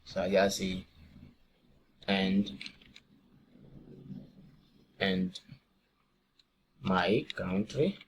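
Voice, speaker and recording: A man from Ghana with a fairly low voice talks through a screen-recorded coding lesson, one step at a time. He often poses a quick question and answers it himself. Faint hiss and keyboard clicks sit under his voice. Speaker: programming tutor.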